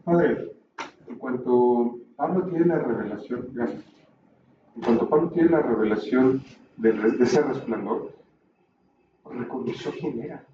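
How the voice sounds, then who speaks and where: A man teaching a Bible class, explaining calmly and tossing in rhetorical questions, recorded from a distance in a roomy space. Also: mid-range voice, a little slow, long pauses, highs cut off, background noise.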